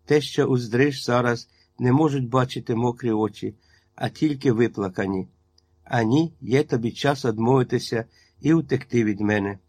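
A man's voice: medium pitch, moderate pace, a little mellow, no room sound, lightly acted. A man reading a story aloud and voicing a stern old village witch woman with a harsh, iron-hard manner.

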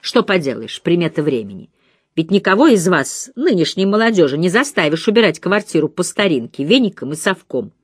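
Woman playing Miss Marple, shrewd and calm. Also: on the low side, breathy edge, no room sound. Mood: firm. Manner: measured, thoughtful, dry. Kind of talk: audiobook reading.

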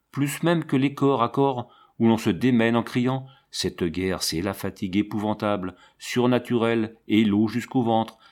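A man narrating a literary novel as an audiobook, in a measured, expressive reading. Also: on the low side.

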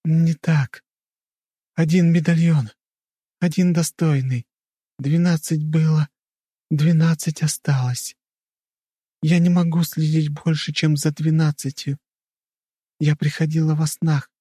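A man's voice: on the high side, breathy edge, dry recording, clean studio sound, voice pushed up. Man voicing a solemn ghost matriarch. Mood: emotionless. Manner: flat, emotionless, like a recording; slow, measured, lofty pronouncements. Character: ancient female ghost, solemn clan matriarch. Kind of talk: audiobook character voice.

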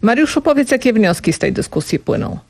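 A woman reading a scripted radio news bulletin in a steady, formal manner. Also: a little high, fast, dry recording. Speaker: radio newsreader. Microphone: studio mic.

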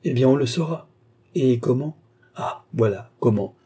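A man reading aloud voices a phlegmatic, gluttonous nobleman who answers in unhurried, flat replies. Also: medium pitch, slightly rough.

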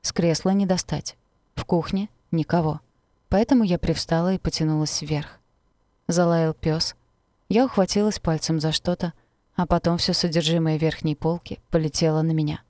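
A woman narrating a novel in the first person, in a measured, intimate way. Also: deep voice, steady tone, darkish tone, dry recording, studio quality. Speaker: audiobook narrator.

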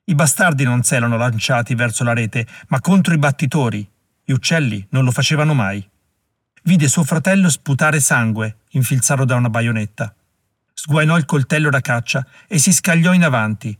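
A man narrating an audiobook in a measured way, slowing down at dramatic moments. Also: mid-range voice, lively intonation, a bit bright, no room sound, clean studio sound. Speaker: audiobook reader.

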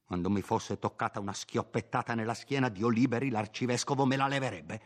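A man's voice: mid-range voice, a little fast, pitched above the performer's own voice, close to an everyday voice. A man voicing a timid, fearful older country priest in an audiobook, peevish and grumbling. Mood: fretful. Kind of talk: audiobook character voice.

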